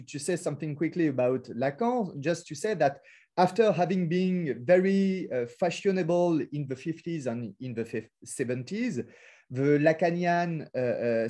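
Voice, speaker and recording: A man with a French accent lectures over a video call, his voice sitting fairly high but mellow and soft-edged. He picks his way through non-native phrasing with frequent fillers and restarts, steady and academic in tone. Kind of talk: academic webinar talk.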